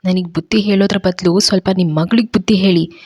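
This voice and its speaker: A woman's voice: on the low side, normal speed, no room sound, studio quality, natural voice. A woman storyteller voicing an angry young husband who hurls harsh, scornful reproaches. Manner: shouting reproaches, scornful questions.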